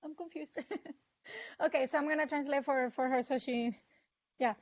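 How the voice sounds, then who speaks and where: A woman's voice: high voice, steady tone, measured pace, dull audio. A woman interpreting in a training session, talking hesitantly with lots of "like" and restarts. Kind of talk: casual practice conversation.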